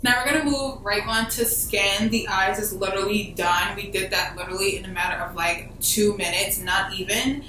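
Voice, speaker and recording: A young American beauty vlogger runs through a casual makeup tutorial step by step, informal, slangy and emphatic. Her medium-pitched voice has a sharp tone, fairly even intonation, a moderate pace and few pauses; a distant mic in a very echoey room catches background music and slight noise.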